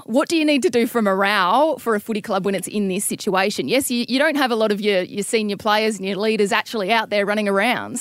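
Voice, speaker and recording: A woman's voice: medium pitch, no echo, clean studio sound. An Australian woman hosting a sports talk podcast, chatting casually and setting up long questions for her guest. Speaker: podcast host.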